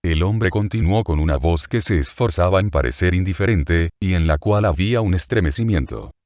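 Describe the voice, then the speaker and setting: A man narrating a classic novel as an audiobook in a measured, literary reading. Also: low-pitched, lively intonation, a little mellow, no room sound, highs cut off. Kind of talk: scripted narration.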